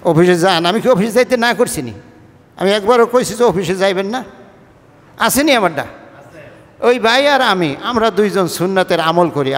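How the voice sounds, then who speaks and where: A man with a high voice preaches a Friday sermon, his words trailing off into a long reverb. He is an imam from the Barishal-Patuakhali region of Bangladesh speaking Barishal-accented Bengali, conversational and mixing colloquial with formal phrasing as he keeps asking the congregation questions.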